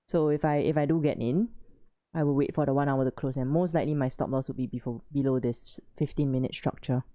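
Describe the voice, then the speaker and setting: A woman hosting a casual trading livestream, excitable and giggly as she cheers on her trades. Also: rumbling low, quick pace. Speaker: livestream host.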